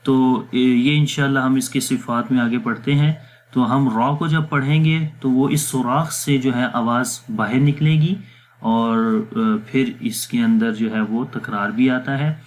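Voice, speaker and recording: A man teaching Quran letter pronunciation in a patient, step-by-step voice-over lesson, with slow, drawn-out demonstration syllables. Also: mid-range voice. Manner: patient step-by-step explaining, mixes English words, pauses with fillers. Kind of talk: explanatory lesson with recitation drills.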